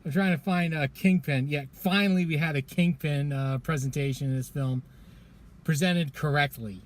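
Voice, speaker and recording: A man's voice: a little high, fairly even intonation, moderate pace. A man giving a casual film review in a parking garage, chatting loosely, laughing often and stumbling over his words. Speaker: movie reviewer.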